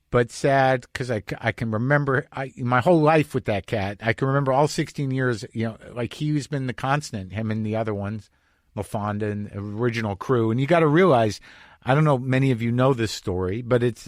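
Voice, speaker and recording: A man's voice: medium pitch, no room sound, clean studio sound. A middle-aged man hosting a podcast, telling a personal story in a rambling, confessional way. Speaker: podcast host. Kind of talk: casual monologue. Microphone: podcast microphone.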